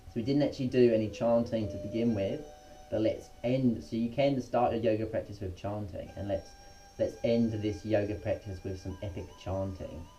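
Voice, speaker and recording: A man's voice: on the low side, steady tone, normal speed, warm tone, slight background noise. A man leading a casual guided yoga lesson in a laid-back, slangy, unpolished way, as the instructor. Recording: muffled, dull lo-fi sound.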